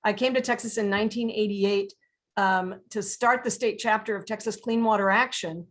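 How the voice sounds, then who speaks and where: A woman candidate, hoarse and gravelly from allergies, giving a firm campaign pitch on a video call. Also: fairly even intonation, moderate pace.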